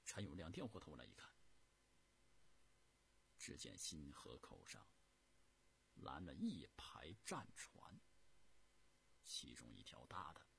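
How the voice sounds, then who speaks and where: A man narrating a historical story dramatically, jumping from loud bursts to hushed whispers. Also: extremely low pitch, huge pitch swings, slow, vocal fry, long pauses, slight background noise.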